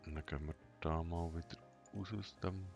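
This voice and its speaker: Very deep, monotone man. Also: normal speed, creaky. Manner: flat, monotone, emotionless delivery; hesitant, thinking aloud in short fragments. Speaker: gaming tutorial host. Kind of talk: unscripted game walkthrough commentary. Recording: dull lo-fi sound, music behind.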